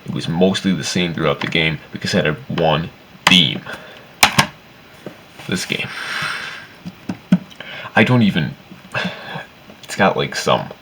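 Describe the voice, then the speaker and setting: A man's voice: extremely low pitch, expressive, slow pace, long pauses, noisy background. A man giving casual, opinionated game commentary in a rambling, sweary, complaining way. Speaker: video game reviewer.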